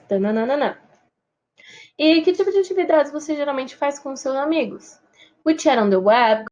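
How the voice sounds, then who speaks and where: A Brazilian woman teacher walks through grammar rules step by step in a recorded lesson. Her voice sits a little high for a woman. She keeps pausing to check that her students are following. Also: darkish tone, dull audio. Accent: Brazilian Portuguese. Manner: patient explaining, checks in with students often. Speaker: English teacher.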